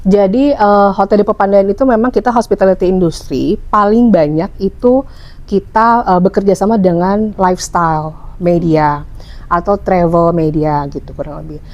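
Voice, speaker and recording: Brief: young Sundanese-accented woman, mellow tone, chatty and explanatory, slightly dull recording. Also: mid-range voice, moderate pace. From West Java, Indonesia. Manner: chatty, explanatory, frequent fillers. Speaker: hotel public relations officer. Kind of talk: conversational podcast interview.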